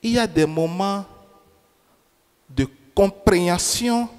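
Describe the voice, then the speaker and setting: In a church, a man preaches a sermon in French, a language that isn't his first, repeating key phrases and posing questions to the congregation. His voice sits high and is slightly mellow and smooth, moving slowly, with long hall reverb around it.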